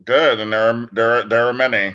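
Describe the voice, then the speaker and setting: A man joining as a guest speaker over a video call, casual and a bit halting. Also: mid-range voice, steady tone, sharp tone. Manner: casual, halting, laughs easily. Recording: dull lo-fi video call audio.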